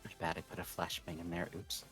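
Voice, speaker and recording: A man's voice: low voice, monotone, fast, fairly bright tone, poor audio. A man co-hosting a casual live stream, making dry joking remarks. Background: faint background music.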